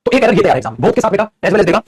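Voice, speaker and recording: A man teaching English grammar in a lecture. He explains fast, calls his students "beta" and keeps asking if they follow. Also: high-pitched, sing-song, husky, no echo, studio quality. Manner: rapid and explanatory, addresses students as "beta", often asks "theek hai?". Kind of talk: classroom lecture in Hindi mixed with English.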